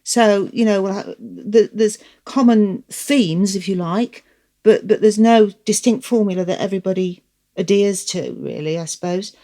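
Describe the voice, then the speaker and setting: A counsellor speaking calmly and thoughtfully on a podcast, often ending with tag questions. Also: female voice, medium pitch, moderate pace. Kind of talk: reflective podcast discussion.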